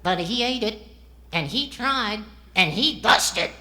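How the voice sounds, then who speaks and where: A man voicing a cheeky, naive farm-boy ventriloquist dummy with a squeaky voice in a comedy routine. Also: animated, slow, bright, forceful tone, heavily acted. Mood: naive, puzzled. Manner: cheeky, naive comic answers.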